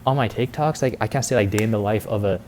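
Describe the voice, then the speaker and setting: A vlogger and content creator, eighteen years old, talks at a quick pace in a lowish, darkish voice over slight background noise. His confessional vlog monologue is casual and rambling, crowded with fillers and heavy slang like "like" and "bro."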